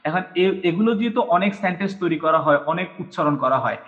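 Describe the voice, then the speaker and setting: A man's voice: high-pitched, animated. Patient man teaching, lo-fi sound. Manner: patient, repeats syllables slowly. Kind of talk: whiteboard lesson. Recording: lo-fi dull sound.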